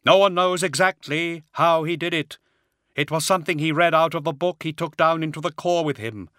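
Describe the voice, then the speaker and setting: A man voicing a hollow-voiced, skull-faced male warrior monk who speaks slowly and gravely, in an audiobook. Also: on the high side, a bit bright, no room sound, clean studio sound, voice pushed up, lightly acted. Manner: slow, grave and measured.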